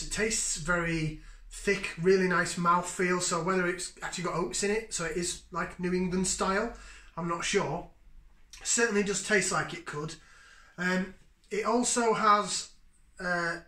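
Bright-voiced man tasting beer at home. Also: sits high. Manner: enthusiastic, savoring, chatty with sniffs and sips. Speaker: beer reviewer. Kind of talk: casual beer tasting review. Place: home kitchen, indoors. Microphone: fixed camera at table distance. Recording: echoey kitchen.

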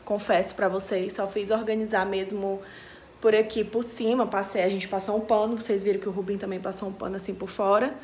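A woman's voice: mid-range voice, flat delivery, a little fast, a little mellow, slight background noise. A young woman chatting straight to her viewers in a casual home vlog, filmed on a handheld camera at arm's length in her kitchen and living room. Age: young adult. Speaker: vlogger.

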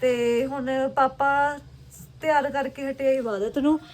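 A family vlogger and mother speaks slowly in a high voice with fairly even intonation, her Indian Punjabi accent clear as she chats casually at home. Playful and affectionate, she coaxes her child indoors, repeating phrases often.

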